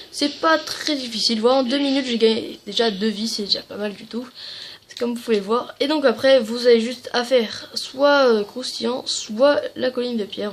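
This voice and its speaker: A woman's voice: a little high, a little hiss or hum. A woman hosting a video game channel, giving a casual, rambling game tutorial full of fillers and apologies. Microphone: tablet.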